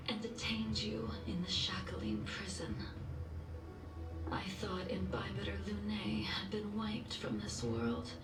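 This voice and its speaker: A woman's voice: mid-range voice, far from the mic. Jing Liu, a cool solemn swordswoman. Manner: calm, measured, solemn. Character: cool aloof swordswoman, adult woman. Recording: game audio played from afar in a roomy space, music behind. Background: game music.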